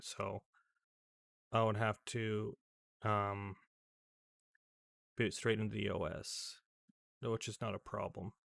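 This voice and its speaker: A man's voice: lowish voice, vocal fry, pushed and bright, dry recording, clean studio sound. A man giving casual, rambling commentary over a screen recording as a tech vlogger, with many fillers and restarts.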